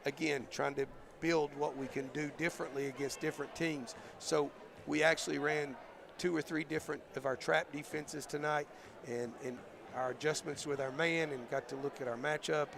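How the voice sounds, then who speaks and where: Brief: hoarse, gravelly-voiced coach, mid-high pitch, halting postgame chat, crowd noise in the gym. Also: male voice, steady tone. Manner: thoughtful, halting, many fillers and restarts. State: losing his voice. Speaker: basketball coach. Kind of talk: postgame interview.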